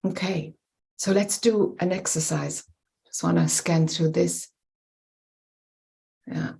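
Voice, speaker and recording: Woman, Irish accent, spiritual teacher, guided meditation, low-pitched, breathy, soothing. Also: fairly even intonation, dark tone. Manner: slow, hesitant, soothing guidance. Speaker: spiritual teacher leading an online gathering.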